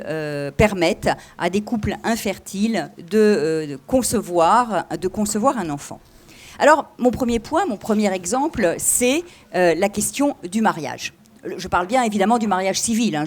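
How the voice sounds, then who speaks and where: A woman lawyer with a slight lisp on her s sounds, giving a deliberate, didactic conference talk. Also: mid-range voice, darkish tone. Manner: deliberate, didactic, enumerates points. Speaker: lawyer, invited speaker.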